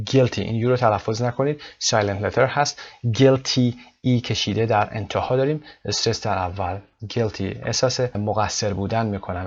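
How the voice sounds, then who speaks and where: A man with a fairly low voice teaches English vocabulary and pronunciation. He reads each English example slowly and deliberately, then moves through his explanations at a quick pace. The recording sounds dull and lo-fi.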